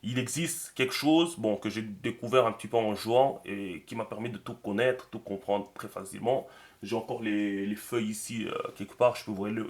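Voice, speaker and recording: A man teaching a writing system in a screen-recorded tutorial, thinking aloud as he draws and dropping many fillers. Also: mid-range voice. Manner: talks to himself while writing, many fillers. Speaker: teacher of a script.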